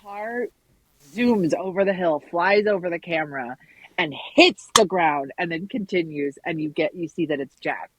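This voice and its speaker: A woman's voice: lowish voice, expressive, normal speed, slight background noise, low-quality recording. A woman in her thirties, a podcast guest, chatting casually with eager fan enthusiasm. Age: 30s. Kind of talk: casual chat.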